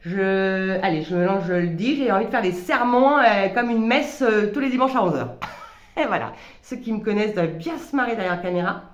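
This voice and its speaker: A woman's voice: medium pitch, animated, a little fast. A woman talking reflectively in a personal vlog, hesitant, with many stammered restarts. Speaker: vlogger. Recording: roomy echo.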